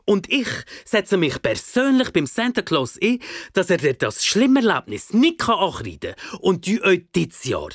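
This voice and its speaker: A woman voicing a flustered, soft-hearted father who stammers, with a Swiss German accent. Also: lowish voice, sing-song, measured pace, no room sound, studio quality, pitched above the performer's own voice. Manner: stammering, fumbling for words.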